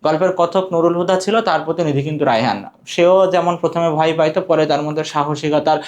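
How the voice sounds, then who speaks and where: Guy teaching exam prep, slightly high voice, quizzes and repeats answers. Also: brisk.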